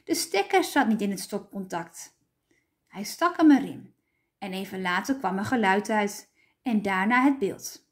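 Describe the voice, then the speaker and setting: A woman teacher reading a children's storybook aloud with clear, expressive storytelling. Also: medium pitch, measured pace.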